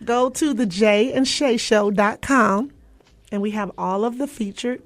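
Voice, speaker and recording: A woman's voice: a little high, measured pace. Playful woman radio host. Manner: playful, laughs easily. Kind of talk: casual radio banter. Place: radio studio.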